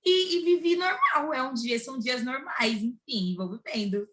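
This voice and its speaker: Young woman, Brazilian Portuguese accent, bright tone, a bit high, animated casual storytelling. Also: normal speed. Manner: animated, acts out quoted dialogue.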